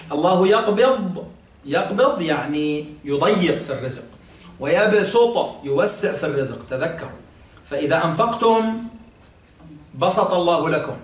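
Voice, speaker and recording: A man teaching a classroom religious lesson, explaining patiently, quizzing listeners and pausing on fillers. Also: fairly high pitch, a little hiss or hum. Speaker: sheikh teaching Quran exegesis. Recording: echoey room, mic at a distance, faint ambience.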